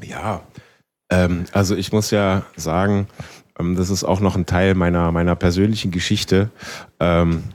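A man's voice: deep voice, steady tone, measured pace, darkish tone. A man from West Berlin, a band member chatting in a rambling way with many fillers during an interview. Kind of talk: casual interview chat.

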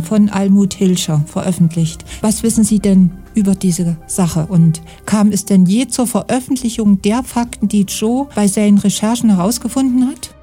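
A woman's voice: mid-range voice, warm tone. A woman hosting a radio interview, asking formal, prepared questions. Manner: formal, reads questions from notes. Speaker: radio host.

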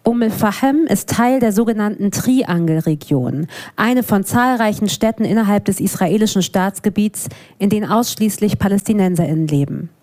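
A woman's voice: medium pitch, normal speed. A woman in her thirties from Hamburg, introducing herself casually and then steadily reading her own prose aloud at a live event. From Hamburg, Germany. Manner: relaxed, with fillers, reads prose steadily. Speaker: author reading from her book. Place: event venue before an audience.

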